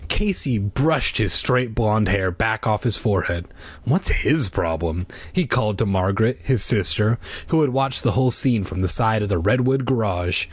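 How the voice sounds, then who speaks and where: A man's voice: fairly low pitch, expressive, normal speed, hardly any pauses, husky, no echo. A man reading a children's book aloud in a playful way, tossing in wisecracks between passages. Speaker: reader.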